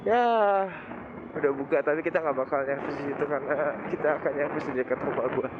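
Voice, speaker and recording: A young man with a Jakarta accent chats away in loose slang, unable to roll his r, which comes out lisped. His voice sits a little high. It is captured through a muffled makeshift helmet mic, with heavy vehicle noise around him as he rides. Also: a little fast. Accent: Jakarta Indonesian. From Indonesia. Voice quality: lisped r (cadel), cannot roll the r sound. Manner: chatty, slangy. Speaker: motovlogger. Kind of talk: casual rambling chat to viewers. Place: riding a motorbike outdoors. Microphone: cut-off earphone mic inside helmet.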